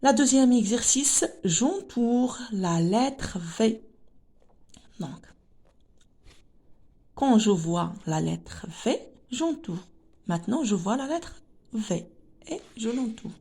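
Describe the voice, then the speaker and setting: A woman's voice: on the high side, lively intonation, takes it slowly, pauses often, dark tone. A woman teaching a children's reading lesson, patiently spelling out letters and syllables with a Moroccan accent.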